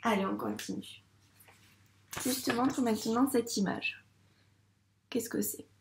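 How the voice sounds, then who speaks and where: A woman teaches a phonics lesson to young children at an unhurried, deliberate pace. She draws out each sound and syllable patiently and clearly. Her voice rings in an echoey room. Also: on the high side, noisy background. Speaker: first-grade teacher.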